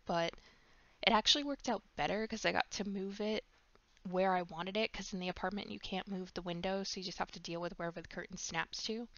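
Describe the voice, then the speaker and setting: A woman's voice: medium pitch, no echo. Young woman w a stuffy nose, chatty rambly voiceover, lots of ums, slightly dull lo-fi mic. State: stuffed up with a cold. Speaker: gaming YouTuber. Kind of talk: casual voice-over commentary.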